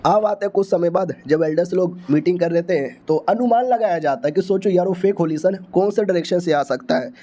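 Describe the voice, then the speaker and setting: A man's voice: sits high, fairly quick, hardly any pauses, dark tone. A man casually recapping a comic story in a chatty, colloquial way.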